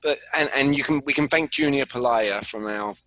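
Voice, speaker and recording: A British-born man chatting casually as a guest over a video call, jokey and animated. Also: medium pitch, moderate pace, a crowd in the background, poor audio. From Britain.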